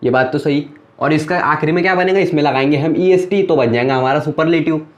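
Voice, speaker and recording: Recorded with lo-fi sound, a young man with a fairly high voice delivers a grammar lesson at a board, speaking a little fast. He is patient and explanatory, posing questions and answering them himself throughout.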